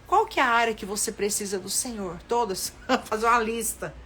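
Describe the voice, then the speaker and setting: A woman with a Brazilian Portuguese accent preaching in a live-streamed sermon, fervent, rising into loud pleading prayer and reading viewers' comments aloud. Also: on the high side, brisk, a little hiss or hum.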